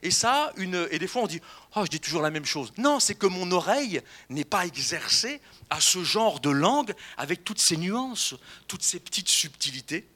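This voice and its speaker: A male pastor delivers a lively sermon, his voice pitched high and bright. He preaches with animated energy and slips into playful quoted voices to make his points. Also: moderate pace, husky.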